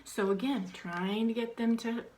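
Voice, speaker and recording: A woman with a fairly high voice talks a little slowly over slight background noise in a low-quality recording. As a teacher trainer, she gives an informal lesson on reading aloud to children, umming and restarting often while acting out questions to kids in a quiet, animated way.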